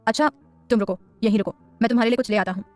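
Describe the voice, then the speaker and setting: A woman's voice: on the high side, rapid-fire, darkish tone, no room sound, soft background music, close to an everyday voice. A woman voicing a stern, irritable young husband who speaks curtly and grumbles. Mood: irritated. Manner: curt, grumbling.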